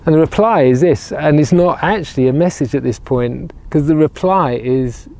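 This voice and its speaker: His voice sits fairly high and a little mellow, moving at a moderate pace. The regional minister preaches earnestly outdoors to camera beside ruined castle walls in the sun, often repeating words as he develops a point, recorded on a lapel mic clipped to him.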